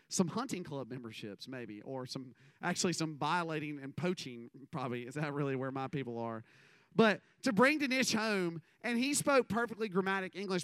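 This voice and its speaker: A man's voice: fairly high pitch, fairly bright tone, clear, resonant tone, dry recording. A man, giving a casual, rambling sermon full of stories and self-deprecating asides. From American South. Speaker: minister.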